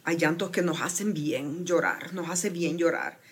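Mujer de voz ronca que da una charla motivacional animada, con preguntas al público y frases que reinicia. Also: female voice, fairly low pitch, measured pace, breathy edge. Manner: animated, with frequent restarts and rhetorical questions. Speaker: speaker giving a talk. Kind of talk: motivational talk to an audience.

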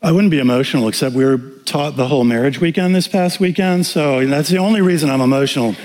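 Pastor, male, 60s. Animated storyteller, reverberant sanctuary sound. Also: fairly high pitch, quick pace. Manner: animated storytelling, acting out dialogue with humor. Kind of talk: sermon with personal story. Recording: reverberant hall.

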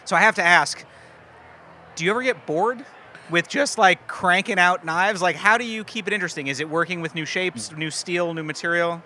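A man's voice: high-pitched, normal speed, bright, forceful tone, slight background noise. A man interviewing a craftsman at a food festival, chatty and curious, asking follow-up questions. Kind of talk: casual interview. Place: busy food festival, indoors.

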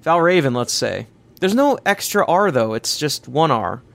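A man co-hosting a casual chat, upbeat and quick to laugh, with frequent fillers. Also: mid-range voice, big pitch swings, vocal fry, fairly bright tone. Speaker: podcast co-host.

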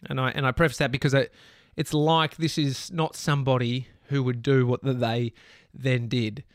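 A man's voice: medium pitch, little pitch movement, moderate pace, dry recording, studio quality. Candid Australian man telling a story. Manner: candid, rambling, swears freely, self-reflective. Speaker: podcast host. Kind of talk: casual storytelling monologue.

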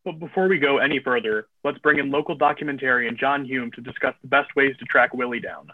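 A man co-hosting a podcast, reading scripted narration briskly over a tinny video-call connection. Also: mid-range voice, no echo. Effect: tinny video-call audio. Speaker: podcast co-host. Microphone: remote video call.

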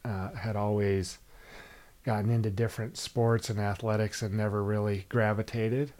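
Easygoing low-voiced man from Minnesota. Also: little pitch movement, moderate pace, a little mellow. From Minnesota, USA. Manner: easygoing, hesitant, with fillers. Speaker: guest. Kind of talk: casual conversation.

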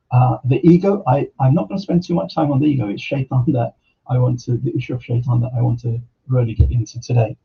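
Guy with a deep dark raspy voice doing a religious podcast lesson, kinda muffled audio. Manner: reflective, rhetorical questions, quotes Arabic scripture. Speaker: Islamic teacher. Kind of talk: religious talk. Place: podcast studio.

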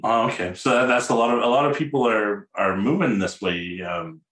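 Chill low-voiced guy hosting a podcast, bright tone, roomy echo. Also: normal speed. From Edmonton, Canada. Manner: upbeat, casual, repeats words. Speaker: podcast host, realtor. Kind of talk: podcast interview.

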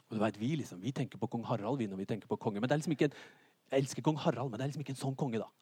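A man preaching a sermon to a congregation. He is lively and theatrical, asks the hall questions and builds up to shouts. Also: mid-range voice, breathy edge.

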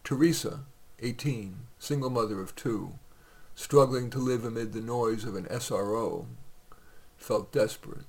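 A man's voice: mid-range voice, unhurried, darkish tone. A man reading his own short stories aloud on a podcast, in a conversational way with occasional fillers.

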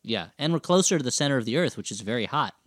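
A man's voice: mid-range voice, lively intonation, fast talker, fairly bright tone, dry recording, clean studio sound. A man playing a tabletop role-playing game, bantering casually with the others.

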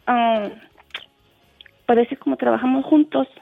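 A woman's voice: on the high side, steady tone, measured pace, creaky, faint music behind. A middle-aged woman from Mexico calling in to a show, chatting agreeably and laughing easily. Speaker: caller. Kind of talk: phone call-in chat. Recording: dry, muffled phone line.

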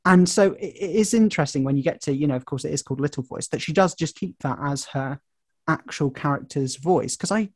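A man's voice: fairly high pitch, fairly quick, dry recording, clean studio sound. A man hosting a casual film podcast, chatting and musing with frequent restarts.

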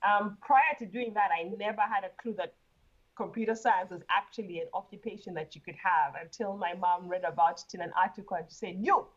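A woman's voice: mid-range voice, a little fast, muffled recording. A woman from Uganda, a guest in an interview, talking casually and laughing often, with frequent repeated words.

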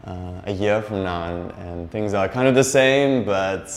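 Guy hosting a podcast, really deep voice, bit hesitant. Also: measured pace, a crowd in the background. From South Africa. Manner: relaxed, hesitant, restarts often. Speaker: podcast host. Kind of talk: casual podcast interview.

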